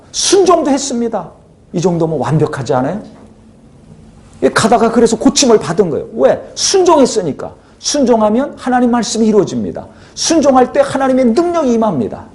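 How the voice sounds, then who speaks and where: Male pastor, sermon delivery, animated swooping intonation, warm mellow timbre, asks the congregation questions. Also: high-pitched.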